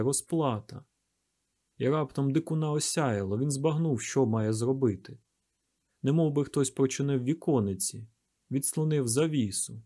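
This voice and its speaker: A man narrating a novel in a measured, expressive audiobook reading. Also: medium pitch. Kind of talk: scripted literary narration.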